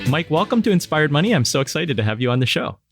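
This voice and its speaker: A man's voice: a little high, sing-song, fast talker, music in the background. A man hosting a podcast interview, introducing the guest and asking questions in an upbeat, enthusiastic way. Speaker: podcast host.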